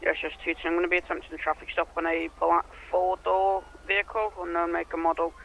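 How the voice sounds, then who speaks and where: A man with a high-pitched, flat voice radios in as a police officer in a role-play. His delivery is procedural and halting, with faint siren and vehicle noise behind him. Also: gravelly, rough recording.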